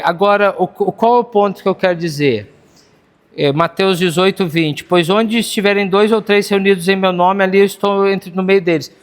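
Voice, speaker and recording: A high-pitched man with a Brazilian accent delivers an earnest, conversational sermon, often turning to ask if the congregation is with him. His voice rings out with a long church-hall reverb. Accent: Brazilian Portuguese. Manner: earnest, conversational preaching with audience check-ins. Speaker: pastor.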